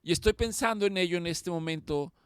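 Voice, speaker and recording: A man's voice: high-pitched, fairly quick, clean tone, dry recording, studio quality. A man preaching a sermon as pastor, impassioned and emphatic, repeating key phrases for weight.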